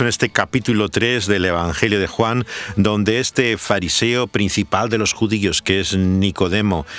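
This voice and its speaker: A man hosting a reflective radio program, speaking in a measured, thoughtful way with frequent pauses. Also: deep voice, fairly bright tone. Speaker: radio host. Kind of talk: reflective radio talk on scripture and music.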